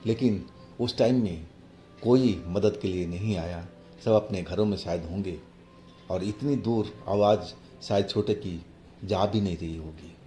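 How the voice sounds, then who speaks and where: A man telling a horror story in the first person, halting and hushed. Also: deep voice, a little hiss or hum. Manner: slow, halting, hushed retelling. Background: faint music.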